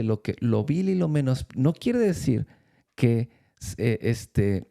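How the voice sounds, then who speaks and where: This man, speaking at church on matters of faith, has a gravelly voice that is deep, dark and mellow. His storytelling is slow and unhurried, broken by frequent pauses and restarted phrases as he works out what to say.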